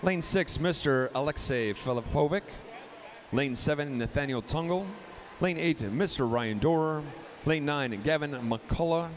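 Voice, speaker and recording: A man calls a swim meet over the PA, running through lanes, names and times at a steady clip. His voice sits a little high for a man. A faint hum of noise runs under him. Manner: rapid lane-by-lane roll call, rising excitement on close finishes. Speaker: meet announcer. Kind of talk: live swim meet announcing and commentary.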